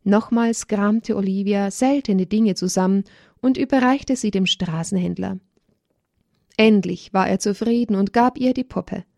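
A woman reading a religious story to children in a gentle storytelling manner. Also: medium pitch, a little slow, creaky, no echo, clean studio sound.

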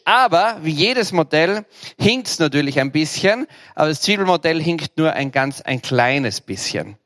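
A man's voice: a little high, a bit bright, no room sound, clean studio sound. A middle-aged man with an Austrian German accent preaches a sermon in a playful, joking way and speaks straight to his listeners.

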